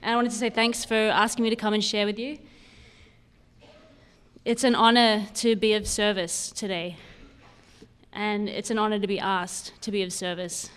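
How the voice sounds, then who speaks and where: Speaking as a guest at a recovery convention, this thirtysomething woman from Sydney shares a candid, conversational personal story with gentle humour. Her accent is Australian with a hint of Canadian. The mid-range voice is smooth and flat in delivery, moving at a moderate pace with frequent pauses.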